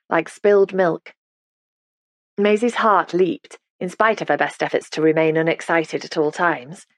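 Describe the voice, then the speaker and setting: A woman narrating an audiobook in a measured, gentle storytelling manner, close to the mic. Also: lowish voice, no echo. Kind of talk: scripted narration.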